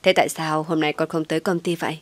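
A woman's voice: sits low, level tone, fast talker, dry recording. A woman voicing a stern, angry older mother who scolds harshly in an audio story.

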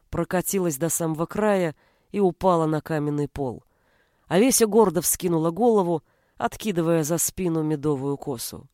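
A narrator reading a fantasy novel aloud in a steady storytelling manner. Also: medium pitch, no echo, studio quality. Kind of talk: audiobook narration.

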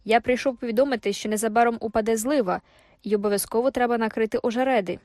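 A woman's voice: fairly high pitch, fast, a little mellow, no echo, natural voice. Woman playing an anxious earnest male shepherd, audiobook, insistent urgent tone, dry recording.

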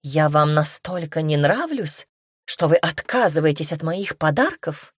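A coy young woman pupil, playful and coaxing, fond of innocent-sounding pleas, as a woman narrator puts her on. Her voice lifts a little above the narrator's low tone. The recording is close and dry. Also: animated, measured pace, breathy edge, no echo, heavily acted. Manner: playful, coaxing, a bit brighter.

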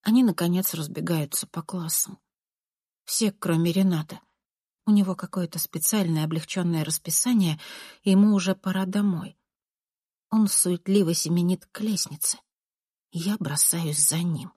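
Husky woman reading an audiobook, calm, dry close sound. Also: on the low side, normal speed, no echo. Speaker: narrator. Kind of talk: audiobook narration, first person.

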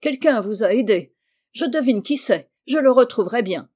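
A woman's voice: on the high side, moderate pace, warm tone, natural voice. A woman voicing a harsh, furious old male sea king in a read-aloud tale, speaking brusquely and with scolding force.

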